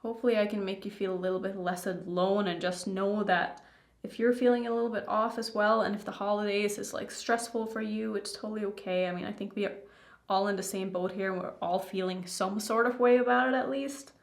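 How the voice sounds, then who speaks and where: A woman's voice: mid-range voice, fairly even intonation, a little fast. A young adult woman rambling candidly to her viewers in a casual makeup vlog. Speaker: beauty YouTuber. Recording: roomy indoor echo.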